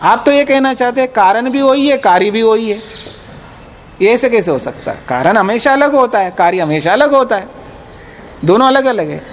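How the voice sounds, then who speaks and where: High-pitched male teacher lecturing firmly, a faint hiss behind. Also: lively intonation, moderate pace. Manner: explains patiently, quizzes listeners, firm and insistent. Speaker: teacher of philosophy. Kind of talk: classroom lecture on scripture.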